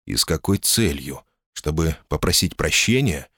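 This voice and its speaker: A man's voice: extremely low pitch, lively intonation, moderate pace, a bit bright, slightly rough, dry recording, heavily acted. A man voicing a wry, guarded man with a dry, ironic way of talking. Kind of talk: audiobook character voice.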